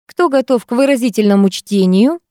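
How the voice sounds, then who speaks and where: A woman's voice: on the high side, animated, a little fast, warm tone, no room sound, clean studio sound, pitched above the performer's own voice, natural voice. A woman voicing a weary male literature teacher who scolds his class with patient irony.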